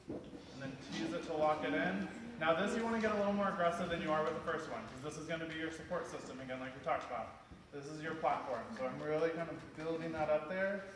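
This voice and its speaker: A man working as a hairstylist, walking through a cheer hairstyle step by step in a chatty way that is full of "like". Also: a little high. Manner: chatty, fills speech with "like". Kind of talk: step-by-step tutorial. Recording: echoey room, distant mic, background noise.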